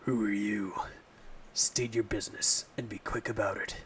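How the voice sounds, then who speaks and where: A man voicing a gruff, hostile settlement leader who distrusts outsiders, reading his game lines in a stern, curt way. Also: on the low side, steady tone, normal speed, distant mic, a little hiss or hum, pitched below the performer's own voice, lightly acted, poor audio. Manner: stern and curt, with a failed attempt at a growl. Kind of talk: reading game dialogue aloud. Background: game music.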